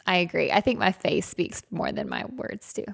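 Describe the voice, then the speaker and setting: A woman co-host talks with a low, gravelly edge, chatty and quick to laugh at herself. Her young adult voice stays casual as she swaps stories in a relaxed podcast conversation. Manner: chatty, self-deprecating, laughs often. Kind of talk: casual chat.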